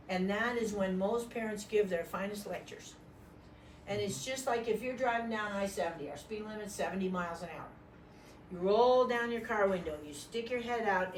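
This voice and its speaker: An older woman leads a parenting workshop in a training room. Her pitch swings widely as she tells stories and slips into quick acted-out voices. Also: slight background noise. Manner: lively storyteller, acts out voices. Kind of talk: animated training talk to parents.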